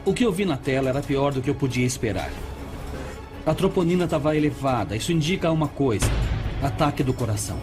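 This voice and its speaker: An actor playing a calm emergency doctor with a Brazilian accent, explaining and reassuring in a dubbed documentary. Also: male voice, medium pitch, fast, close to an everyday voice. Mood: concerned. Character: calm, patient male emergency room doctor. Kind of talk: dubbed documentary dialogue and narration. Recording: music behind the voice.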